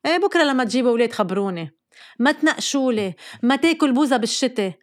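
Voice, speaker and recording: A woman's voice: high voice, lively intonation. A woman with a Lebanese accent playing a fussy, bossy middle-aged mother who scolds and fires off questions. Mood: scolding. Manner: scolding rapid-fire questions.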